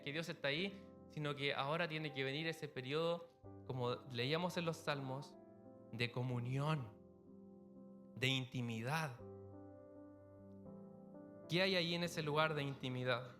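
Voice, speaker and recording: A man delivers a sermon in a church, speaking in an easy, conversational way and illustrating his points with everyday stories. His voice is bright and sits a little high for a man. Faint music plays quietly underneath. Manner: conversational preaching with illustrative anecdotes. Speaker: pastor.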